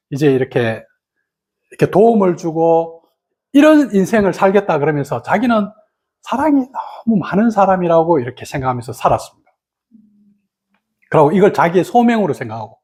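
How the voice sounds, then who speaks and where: A meditation teacher telling a story in a dharma talk, animated and full of fillers. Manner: animated storytelling, many fillers, sudden pitch leaps.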